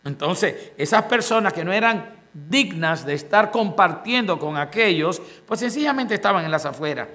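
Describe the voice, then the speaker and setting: A man's voice: high voice, animated, moderate pace, pushed and bright. A man preaching a sermon, reading scripture aloud and explaining it to the congregation, often asking them rhetorical questions. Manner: expository preaching, reads scripture then explains word by word. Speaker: pastor.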